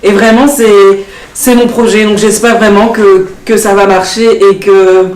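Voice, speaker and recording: A young woman, an election candidate speaking earnestly in a TV studio interview, pausing often with fillers. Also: medium pitch, level tone, darkish tone. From Belgium. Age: young adult. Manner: earnest, hesitant, many fillers. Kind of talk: studio talk show interview. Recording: echoey studio, distant mic.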